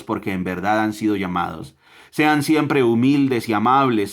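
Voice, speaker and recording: A man with a Colombian accent, teaching a Bible lesson to his family, emphatic, with rhetorical questions and repeated phrases. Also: fairly low pitch.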